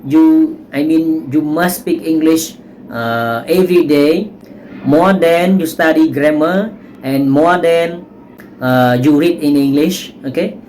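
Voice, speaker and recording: An English teacher with a Cambodian accent and Khmer as first language, giving learners informal advice to camera in a halting, repetitive way with frequent check-in tags. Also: medium pitch, a little mellow, low-quality recording. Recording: noticeable background noise.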